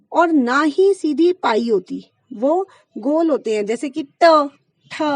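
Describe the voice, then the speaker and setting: A woman teaching a Hindi grammar lesson, who explains slowly, draws out the sounds she teaches and checks in with her students. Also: high voice, darkish tone, no echo. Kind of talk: classroom lesson.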